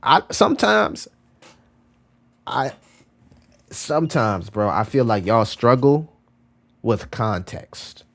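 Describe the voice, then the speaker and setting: A male streamer chats casually to his viewers at a mid-range pitch. His talk is loose and slangy, full of repeats and "bro". He reacts to chat messages as they come in. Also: sing-song, slow pace, creaky, long pauses. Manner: loose, slangy and repetitive, often calling out "bro"; talks back to chat messages as he reads them. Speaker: crypto livestream host.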